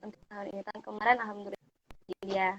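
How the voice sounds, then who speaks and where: A woman's voice: medium pitch, flat delivery, rapid-fire. A young woman from Indonesia, a university student, talking politely as a guest on an online call while her voice keeps breaking up from a bad connection. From Pandeglang, Banten, Indonesia. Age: young adult. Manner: polite, soft-spoken, with pious formal greetings. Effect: voice breaking up over a choppy call connection. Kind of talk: casual live online interview. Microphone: phone or laptop on a video call. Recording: dull lo-fi video call line.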